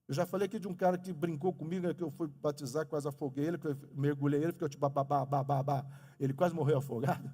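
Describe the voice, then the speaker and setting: A middle-aged man preaching a lively sermon as pastor in a church, speaking to the congregation. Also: fairly high pitch, very fast, hardly any pauses. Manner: animated preaching, talks of his own stutter. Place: church sanctuary. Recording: long reverb of a church hall.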